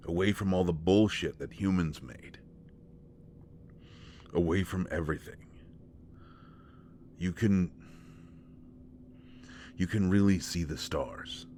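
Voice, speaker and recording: This intimate one-sided roleplay features a man with a low voice as a gentle, devoted, awkward companion who stammers and halts, sounding soft and wistful. A little hiss or hum can be heard.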